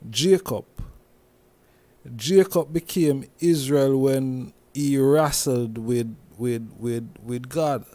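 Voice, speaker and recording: A man with a Jamaican accent, talking through a casual commentary monologue as host, slowly, with many restarts and repeated words. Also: medium pitch, dark tone, no echo. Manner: slow, repetitive, with many restarts and "you see me?".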